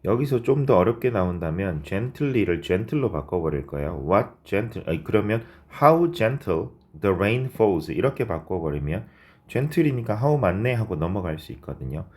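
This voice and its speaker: A man's voice: low voice, big pitch swings, darkish tone. A man teaching an English grammar lesson, explaining step by step and asking and answering his own questions as he works through example sentences. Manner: reads English example sentences slowly, word by word. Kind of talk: recorded online grammar lesson.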